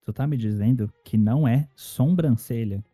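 Brazilian male co-host, joking and mock-indignant, dark mellow voice. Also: mid-range voice, normal speed, soft background music. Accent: Brazilian Portuguese. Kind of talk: casual comedic chat.

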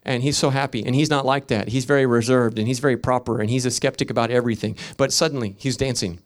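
A man preaching a sermon as a pastor, swinging from loud emphatic peaks to quiet storytelling, with rhythmic repetition. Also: medium pitch, steady tone, fast talker.

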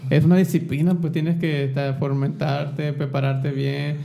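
A man's voice: on the high side, little pitch movement, measured pace, vocal fry, mellow. A man with a Mexican accent hosting a casual interview, asking questions in a friendly, slangy way. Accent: Mexican Spanish. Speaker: podcast host.

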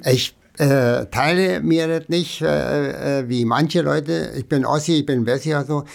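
A man's voice: fairly high pitch, a little slow, creaky. A man, chatting casually as an interview guest and rambling with many fillers. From Berlin, Germany. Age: 80s.

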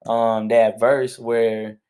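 A man's voice: medium pitch, little pitch movement, extremely slow, a little mellow. Hyped, slangy man co-hosting a podcast. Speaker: podcast co-host. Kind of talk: casual chat.

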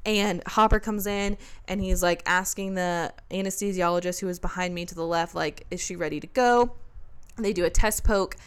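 A young woman hosts a podcast and tells a story in an animated, conversational way. Her voice sits a little low, and she acts out other people's lines as she goes. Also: moderate pace, hardly any pauses, clean tone. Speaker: podcast co-host. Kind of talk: casual chat.

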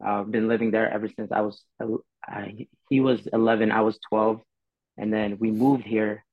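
This laid-back podcast guest is a man in his twenties from the Philippines, and his casual chat wanders, full of fillers. He speaks at a normal speed in a lowish voice with little pitch movement. The sound is dull and dry, and faint music plays underneath.

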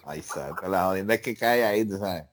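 A man in casual chat who reacts with loud exclamations and laughs easily. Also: low voice, a little fast, background noise.

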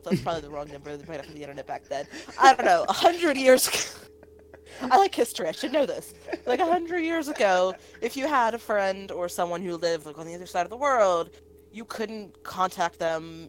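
A woman's voice: fairly low pitch, a little fast, slight background noise, rough recording. A woman guesting on a podcast, chatting in a bubbly way and laughing easily. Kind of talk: casual chat.

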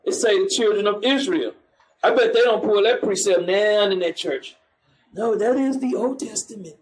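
High-pitched and speaking at a normal pace, this man is heard on a rough recording. He is street preaching with scripture reading, ridiculing churchgoers and asking for the following verse.

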